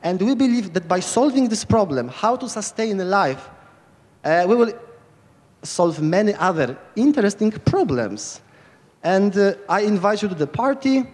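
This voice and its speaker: A man delivering an impassioned short pitch as a speaker on stage. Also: big pitch swings, normal speed. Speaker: lightning talk speaker. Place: stage in a large event tent. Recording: reverberant hall, stage PA.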